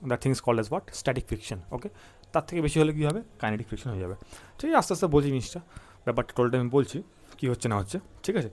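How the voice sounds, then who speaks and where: In a classroom-style lecture on physics, a Bengali-accented man speaks in a mid-range, darkish voice, switching between Bengali and English. He asks questions only to answer them himself, goes over key points again, and keeps checking in with his listeners.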